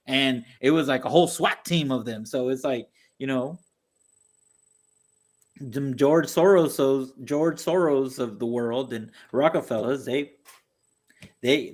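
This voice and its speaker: A man's voice: mid-range voice, unhurried. A man co-hosting a casual political podcast, talking animatedly with frequent fillers and mocking put-on voices. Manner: animated, mocking impressions of opponents. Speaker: podcast co-host.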